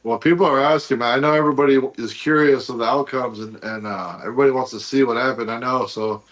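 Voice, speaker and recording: A man's voice: medium pitch, steady tone, fast, a bit bright. A man co-hosting a casual podcast chat, laid-back and swearing freely. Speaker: co-host and arm wrestler.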